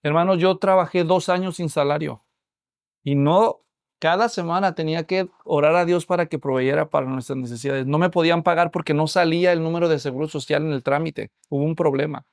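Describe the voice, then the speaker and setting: A man's voice: a little high, fairly even intonation, fairly quick, no room sound, clean studio sound. A middle-aged man preaching a sermon as a pastor, telling a story and addressing the congregation directly.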